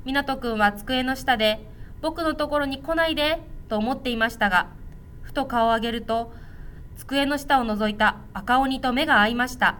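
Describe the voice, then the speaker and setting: A woman reads a storybook aloud to young children, gentle and clear. Her voice is high and bright. A faint background noise sits under it. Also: steady tone, normal speed.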